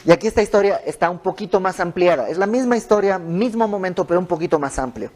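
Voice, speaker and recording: A man's voice: sits high, animated, fast talker, darkish tone. A man teaching an informal Bible study in a home, explaining verse by verse with conversational asides. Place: a private home.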